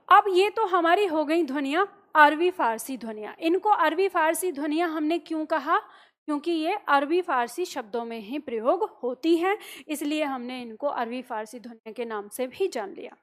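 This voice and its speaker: A woman with a high voice gives a classroom-style grammar lesson. She works through each point slowly, puts questions to her listeners and then answers them herself. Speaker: Hindi teacher.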